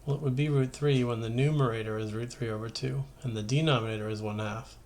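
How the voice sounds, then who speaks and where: A fast-talking high school math teacher with a mid-range, slightly mellow voice and fairly even intonation gives an informal lesson. He's conversational, thinking aloud as he works through the steps.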